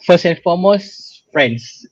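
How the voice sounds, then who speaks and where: A young Malaysian-accented man, an exchange student alumnus appearing as guest speaker, informally presents his own experience over a video call. He's hesitant, using frequent fillers, with a high voice, lively intonation and slow pace. The online-call audio is dry, slightly dull and lo-fi.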